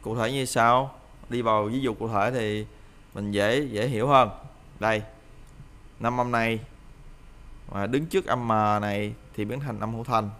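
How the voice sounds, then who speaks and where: A man's voice: mid-range voice, fairly even intonation, moderate pace, long pauses, a bit bright. A man teaching a pronunciation lesson, explaining each point and repeating example words for the listener to drill, with frequent hesitant fillers.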